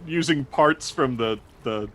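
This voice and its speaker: A man improvising narration as game master of a tabletop game, in a casual, halting way. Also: mid-range voice, a bit bright. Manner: casual, halting, prone to laughing.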